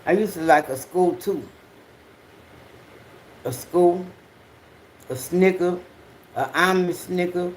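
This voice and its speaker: A person with a Southern US accent chatting casually on a livestream in an unhurried, slangy, profane way. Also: mid-range voice, a little hiss or hum, poor audio. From Southern United States. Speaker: livestream host.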